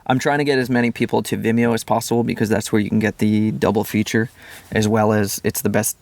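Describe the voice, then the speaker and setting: A man's voice: lowish voice, level tone, fast talker, a little mellow. A man guesting on a podcast, chatting easily about his film. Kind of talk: casual chat. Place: attic of a new house.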